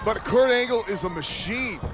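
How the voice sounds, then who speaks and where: A man's voice: sits high, lively intonation, normal speed. A man working as a wrestling color commentator, giving emphatic live analysis and reactions. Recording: loud arena crowd and music behind. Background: loud crowd and music.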